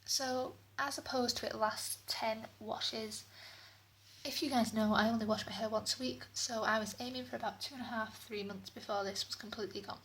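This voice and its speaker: A woman's voice: a little high, steady tone, normal speed, fairly bright tone. A British woman giving a casual spoken product review as a beauty vlogger, her voice echoing in a bathroom. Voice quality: echoey sound. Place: indoors, echoey bathroom. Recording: echoey bathroom, clear background noise.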